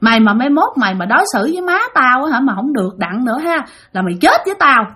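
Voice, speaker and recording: A scolding ghost of an older woman, put on by a woman storyteller, shrill and accusing, with a Southern Vietnamese accent. Her voice sits high and swings widely as she berates her kin in a spoken ghost story. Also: big pitch swings, quick pace, bright, forceful tone, slightly rough, exaggerated voice. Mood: furious scolding.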